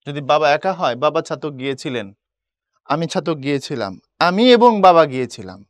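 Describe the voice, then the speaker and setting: A man's voice: fairly high pitch, animated, moderate pace, dry recording. Man teaching Bengali grammar, dry sound. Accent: Bangladeshi Bengali. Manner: explains step by step, asks "বুঝছো?"; mixes in English words. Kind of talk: admission test coaching lesson.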